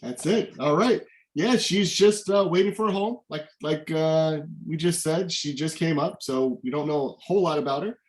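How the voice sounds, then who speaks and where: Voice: mid-range voice, moderate pace, hardly any pauses. A host running a virtual adoption event on a video call, upbeat and talking straight to viewers as guys. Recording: echoey room on video call.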